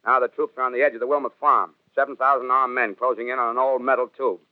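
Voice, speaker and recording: A man's voice: medium pitch, little pitch movement, quick pace, no echo. A man playing a confident army captain giving a formal field report over the radio in a 1930s radio drama. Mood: uneasy, startled. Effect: radio transmission. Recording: thin, tinny field radio transmission.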